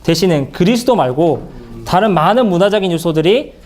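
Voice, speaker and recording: A man speaking at a church Bible seminar in an earnest, halting way, with many fillers and restarts. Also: high voice, expressive, darkish tone.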